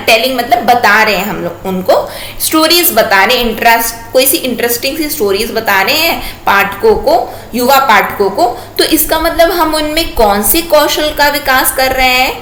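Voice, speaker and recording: High bright-voiced woman teacher, echoey room. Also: moderate pace. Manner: repeats points and asks rhetorical check questions. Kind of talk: exam-prep online lecture. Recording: echoey room with faint noise.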